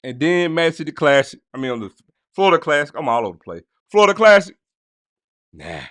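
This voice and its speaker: A man hosting a casual sports podcast, talking straight to his listeners in slangy, animated bursts. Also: on the high side, brisk, no room sound. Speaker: podcast host.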